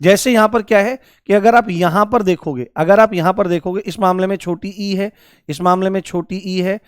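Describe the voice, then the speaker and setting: High-voiced man teaching Hindi grammar. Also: steady tone, normal speed, clear, resonant tone, no room sound, clean studio sound. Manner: repeats key words, asks students for examples. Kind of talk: live online class.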